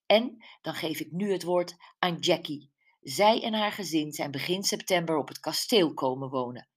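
A woman reads a self-assured, humorous woman from an audiobook. She addresses a crowd in a slow, raised announcing voice. Her voice sits low. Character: woman welcoming a village crowd, lively and confident.

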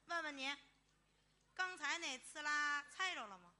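Woman comic partner on stage; high, very bright voice, dry teasing delivery. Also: unhurried. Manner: teasing, deadpan. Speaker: comedian. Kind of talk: crosstalk comedy duet. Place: stage before an audience.

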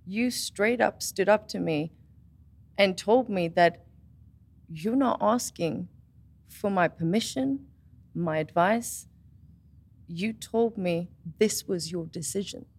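A woman in her twenties chatting casually, telling a personal story with animated retellings of what others said. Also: medium pitch, takes it slowly, long pauses, husky. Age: 20s. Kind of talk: casual chat.

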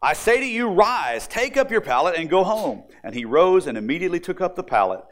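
This preacher's voice sits high and has a sing-song quality. His sermon moves back and forth between homespun storytelling and Bible teaching, punctuated by dramatic pauses.

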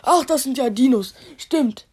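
A woman's voice: high voice, lively intonation, a little slow, a little mellow, husky, heavily acted. A woman voicing a silly, cheeky little blob creature in a playful fan story, rambling and stumbling over words. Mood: goofy.

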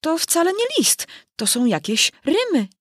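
Nervous, fawning storybook rabbit courtier, high and lively, voiced by a woman. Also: unhurried, dry recording, studio quality. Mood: servile.

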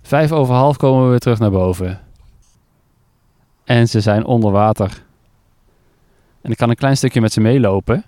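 A curious man chats his way through an outdoor report, tripping over words as he asks questions. His voice is smooth and resonant, and it sounds dry and close to the mic. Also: medium pitch, normal speed, long pauses, mellow, dry recording. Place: lakeside jetty outdoors in rain.

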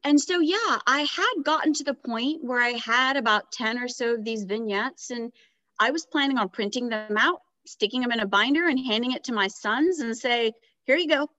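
A woman's voice: on the high side, normal speed, no room sound. A middle-aged woman guest on a podcast, telling her story in a reflective, casual way. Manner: reflective, animated when retelling dialogue. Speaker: guest author. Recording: dry, slightly dull podcast audio.

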